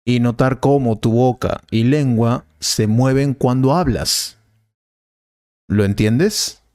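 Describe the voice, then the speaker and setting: A man playing a patient Spanish teacher, explaining slowly and calmly in a scripted learner dialogue. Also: medium pitch, no echo, studio quality, close to an everyday voice. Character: patient male professor, helpful and calm.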